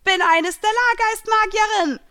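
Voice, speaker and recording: A woman voicing a mocking young villainess in a fan fiction reading, taunting in a raised, louder voice. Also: lively intonation, a little slow. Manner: taunting, sneering, louder and higher.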